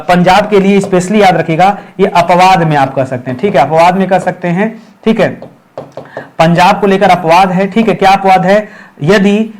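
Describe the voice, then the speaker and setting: A man's voice: high-pitched, darkish tone. A man teaching a grammar lesson for exam preparation, repeating key terms and checking in with his listeners.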